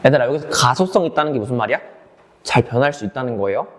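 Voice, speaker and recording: A man's voice: medium pitch, animated, rapid-fire, background noise. A male English teacher giving an online exam lecture. He goes through the passage sentence by sentence, asking questions and answering them himself, and speaks straight to his students. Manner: switches between English words and explanation, addresses students directly.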